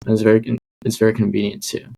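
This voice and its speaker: Young man with gravelly low voice. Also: completely flat delivery, rapid-fire, dark tone, slight background noise, poor audio. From Hong Kong. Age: young adult. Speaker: podcast guest. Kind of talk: casual interview.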